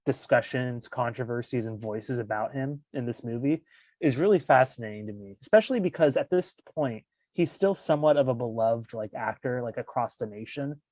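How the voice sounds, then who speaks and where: A man's voice: medium pitch, fairly quick, darkish tone, no echo. A man with a mid-range voice chatting on a movie podcast. He peppers almost every phrase with fillers. The sound is dry and close. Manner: filler-heavy, says "like" constantly. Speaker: podcast co-host. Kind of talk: casual movie discussion.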